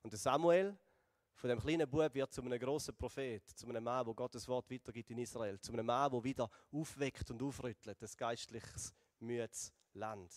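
A man with a Swiss German accent preaching a sermon and retelling a Bible story, slowing and going softer for emphasis. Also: mid-range voice, dry recording, studio quality, long reverb tail. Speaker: pastor.

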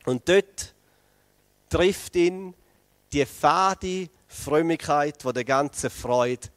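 A man preaching a lively sermon, telling the story with energy and speaking straight to the congregation. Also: on the high side, no room sound. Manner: animated storytelling, addresses the congregation directly.

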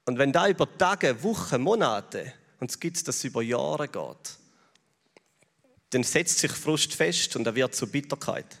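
A man with a Swiss German accent preaching a sermon in a chatty way, often tossing in little tag questions to the congregation. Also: a little high. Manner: conversational, with frequent tag questions. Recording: long reverb of a large hall.

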